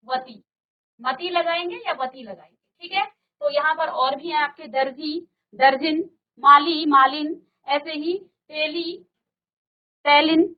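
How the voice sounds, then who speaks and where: Woman teacher, high voice, unhurried, patient drills of word pairs, slightly dull studio sound. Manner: slow, patient, repeats word pairs and asks rhetorical questions. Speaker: Hindi teacher. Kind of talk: virtual classroom grammar lesson.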